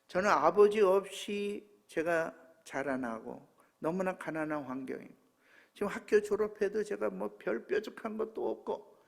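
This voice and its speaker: A pastor in his seventies preaching a sermon, telling a personal story with emotion that swings from hushed tones to loud exclamations. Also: high-pitched, creaky. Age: 70s.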